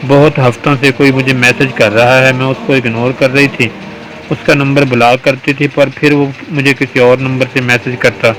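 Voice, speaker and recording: A man's voice: medium pitch, natural voice, poor audio. A man reading aloud the lines of a frightened, tearful teenage girl in a storybook, in an anxious, pleading way.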